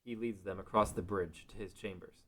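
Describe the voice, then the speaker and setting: A man narrates a fantasy table read, voicing the written stage directions at a moderate, even pace. His voice sits fairly low but sounds a little bright.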